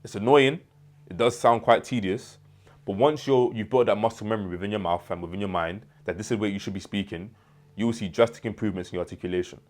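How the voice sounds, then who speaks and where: Fast-talking young man advising. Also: lowish voice, darkish tone. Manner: earnest and advising, with repetitions and restarts. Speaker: self-improvement creator. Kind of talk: motivational talk to camera.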